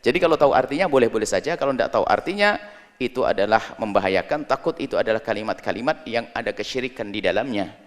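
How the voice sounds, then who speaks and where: A man preaching a sermon, explaining a religious ruling point by point with animated emphasis. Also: medium pitch, fast talker. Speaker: Islamic preacher. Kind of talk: sermon answering a question. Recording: long hall reverb.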